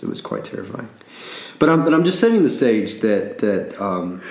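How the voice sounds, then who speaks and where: A man's voice: fairly low pitch, echoey room. A man from Alabama with a Southern accent, rambling through a casual story with frequent laughs and repeated words.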